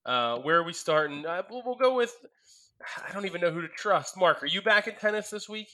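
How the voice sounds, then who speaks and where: A man hosting a sports betting podcast, calling on each co-host for picks in relaxed banter. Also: sits high, fairly quick. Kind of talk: casual sports betting chat.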